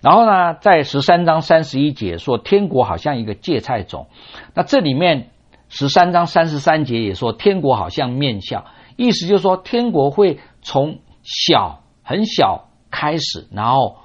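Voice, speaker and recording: Husky, animated male preacher, lo-fi. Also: fairly high pitch. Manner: asks and answers his own rhetorical questions; teaching tone with drawn-out sentence particles. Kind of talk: sermon expounding a scripture parable. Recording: dull lo-fi recording.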